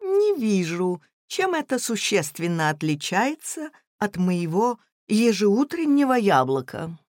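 A woman voicing a prim, calm governess in a read-aloud story, speaking in a measured, dry manner. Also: mid-range voice, no room sound. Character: prim, unflappable governess woman, cool and precise.

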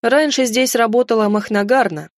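Calm formal inquisitor guy, read by a woman, measured and a bit sad, dry close sound. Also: a little high, dry recording, lightly acted. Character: calm, melancholy male inquisitor overseeing the shadow world.

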